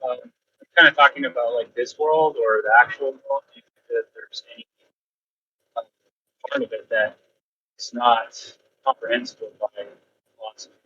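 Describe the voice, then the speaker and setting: A man's voice: medium pitch, normal speed, long pauses, bright, forceful tone. A man in a casual philosophical debate over voice chat, asking tentative, probing questions and rephrasing himself, over a muffled lo-fi line.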